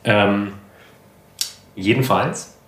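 A man co-hosting a relaxed podcast from an apartment, talking in a rambling, self-deprecating way with plenty of fillers. His voice sits a little low. The room around him sounds echoey. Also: drawn-out words. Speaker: podcast co-host. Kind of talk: casual chat.

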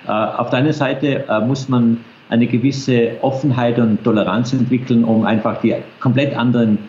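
A man's voice: mid-range voice, steady tone, moderate pace, darkish tone. A man with an Austrian accent answering interview questions over a video call, hesitant with many fillers. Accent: Austrian German. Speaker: interview guest, space agency official. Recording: roomy, dull video call audio with faint noise.

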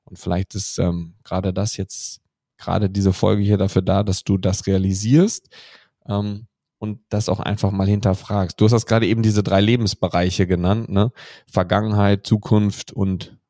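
Mellow low-voiced man, dry close sound. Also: moderate pace, no room sound. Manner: relaxed, hesitant, many fillers, reflective. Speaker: podcast co-host. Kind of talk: casual podcast conversation.

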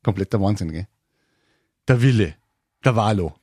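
A man's voice: on the low side, lively intonation, normal speed, dark tone, slightly rough, no echo, studio quality. Teasing man hosting a radio quiz. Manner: teasing, addresses listeners directly. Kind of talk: joking radio banter.

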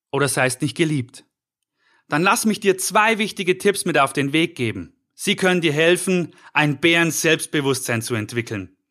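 A middle-aged man with a fairly high voice delivers a scripted motivational podcast talk as a life coach. He speaks directly to the listener, earnest and encouraging. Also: pushed and bright.

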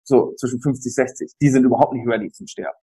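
Husky-voiced man telling care stories. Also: medium pitch, fast talker. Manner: animated storytelling, acts out quoted people. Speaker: palliative care service provider. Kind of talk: conversational interview.

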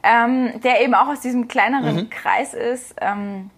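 A woman hosting a casual sports podcast, chatty and quick to laugh, with a breathy voice. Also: a little high. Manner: chatty, laughs often, many fillers. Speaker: sports reporter and podcast host.

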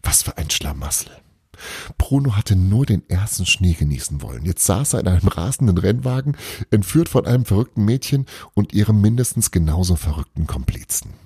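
A man reading a children's book aloud in a lively, expressive way. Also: low-pitched, fairly quick, slightly rough, no room sound, studio quality. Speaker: reader. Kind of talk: storybook reading.

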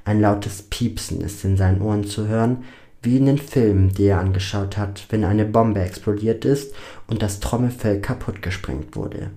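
A man narrating a dramatic story in a steady, measured reading. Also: on the low side.

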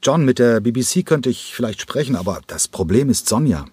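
A cautious male dancer on the phone, voiced by a man reading an audiobook, lifted a little above a husky narrator's voice. He hedges and holds back. Dry and close. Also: medium pitch, big pitch swings, brisk, warm tone, no echo, voice pushed up. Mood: reluctant. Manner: cautious, reluctant. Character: hesitant male London dancer, friend on phone.

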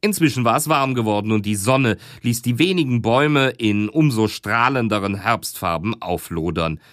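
Male narrator, crime audiobook, lively intonation, dry close sound. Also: on the low side, normal speed, dry recording. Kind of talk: scripted narration.

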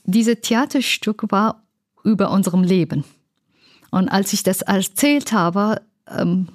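Slow, soft-spoken woman. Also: medium pitch, no room sound, clean studio sound. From Afghanistan. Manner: halting, searching for words, many fillers. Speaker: interviewee. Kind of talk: personal life story interview.

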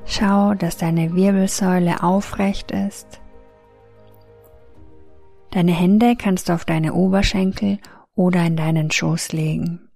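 A woman narrating a guided meditation in a soft, soothing, gentle voice with long pauses. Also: on the low side, steady tone, gravelly, dry recording, faint music behind.

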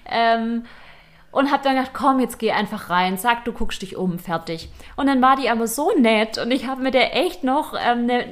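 Speaking at normal speed in a voice on the high side, this fashion podcast co-host swaps shopping stories in casual conversation. She's chatty and pokes fun at herself.

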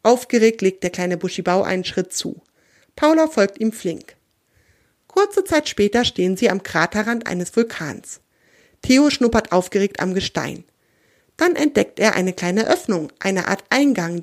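A woman reading a children's story aloud in a gentle, expressive way. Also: medium pitch, normal speed.

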